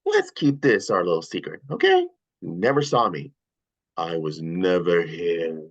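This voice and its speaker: A performer voicing a playful, excitable, cocky teenage hedgehog in a cartoon script read. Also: low voice, lo-fi sound, exaggerated voice. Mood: secretive. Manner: chatty, cheering, quick swings between glee and disgust.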